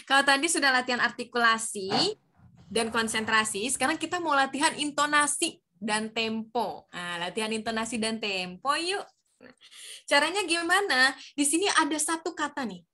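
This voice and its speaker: A woman who voices for a living leads an online class for children in a bright, ringing tone. She speaks a little above the usual pitch, with a cheerful, encouraging manner. Her voice comes over a video call. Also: animated, moderate pace. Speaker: voice actor teaching a workshop.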